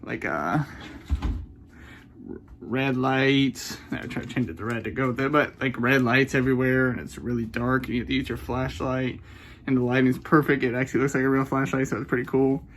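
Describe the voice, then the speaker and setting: Swearing freely, a twenty-something man gives a rambling, self-conscious game review and says sorry when he loses track of his point. He talks fairly quickly at a medium pitch with fairly even intonation, over a bit of hiss or hum.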